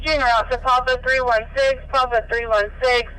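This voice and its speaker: A woman's voice: high voice, fairly even intonation, normal speed, over a noisy crowd, low-quality recording. A woman working as an emergency dispatcher, giving clipped, procedural ambulance radio calls and repeating each message over a two-way radio. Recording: radio scanner with vehicle noise.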